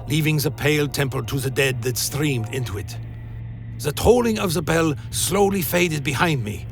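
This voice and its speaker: Male storyteller, solemn dark fantasy narration, gravelly edge, faint musical bed. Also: on the high side.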